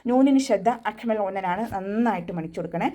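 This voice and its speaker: A young woman teaching Quran recitation in an online class, explaining each step patiently and adding gentle reminders. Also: medium pitch, fast. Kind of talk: online tajweed class instruction.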